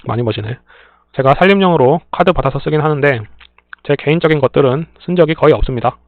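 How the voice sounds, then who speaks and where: A man reading listener stories aloud in a plain, steady way, adding brief dry remarks between them. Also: on the high side, quick pace, no echo. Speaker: story reader and channel host. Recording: tinny phone-like dry sound.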